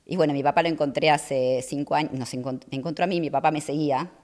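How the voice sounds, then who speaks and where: A middle-aged woman, talking as a guest in a casual interview, soft-spoken and hesitant with many fillers. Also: sits low, steady tone, fast. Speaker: guest athlete.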